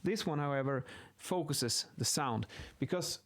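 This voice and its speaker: A slightly high male voice with lively intonation proceeds at a measured pace. The speaker, an acoustics instructor, explains how measurements are taken in an unscripted, casual lesson over a sketch, musing aloud and amending what he says.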